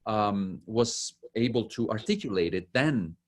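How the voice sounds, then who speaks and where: A man's voice: lively intonation, a little slow, slight background noise. Italian-born male pianist telling stories. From Italy. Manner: warm storytelling, acts out quoted lines in a higher voice. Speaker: pianist and professor, guest. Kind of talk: casual interview chat.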